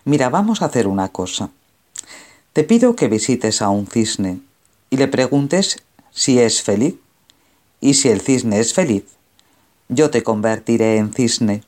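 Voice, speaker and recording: A calm, kindly male monk from a spoken storybook, gentle and soothing as he gives advice, voiced by a man. The voice is dark and mellow, pitched at an ordinary middle height. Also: unhurried, pauses often.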